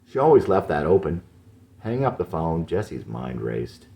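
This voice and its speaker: Deep, gravelly male audiobook narrator. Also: normal speed. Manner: expressive, varied delivery.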